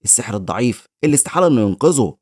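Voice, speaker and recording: A man's voice: mid-range voice, big pitch swings, racing, darkish tone, dry recording, studio quality. A man with an Egyptian Arabic accent voicing a sneering young male guild leader in a story recap. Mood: scornful. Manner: sneering, scornful.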